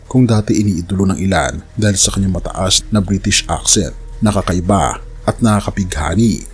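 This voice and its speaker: A man's voice: low-pitched, moderate pace, darkish tone, husky, faint music behind. A man giving scripted narration of news with preaching, earnestly addressing the listener as a friend. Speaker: religious news commentary narrator.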